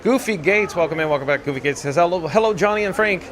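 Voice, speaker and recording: Male streamer, lighter-pitched, informal comment-reading chat, recorded live in a noisy park queue. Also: animated, quick pace. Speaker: livestream host. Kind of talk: casual livestream chat, reading out viewer comments. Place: theme park queue, mostly outdoors. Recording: busy crowd around him. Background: chattering crowd.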